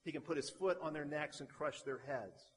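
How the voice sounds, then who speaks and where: A man's voice: fairly high pitch, moderate pace, husky. Man, pastor preaching a sermon, emphatic repetition, long hall reverb. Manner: emphatic preaching with repeated parallel phrases.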